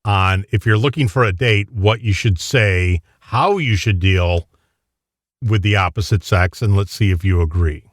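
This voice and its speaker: Guy cohost, lowish voice, jokey and disbelieving, dry sound. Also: unhurried, no echo. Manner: joking, incredulous. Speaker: radio co-host. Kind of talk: casual chat.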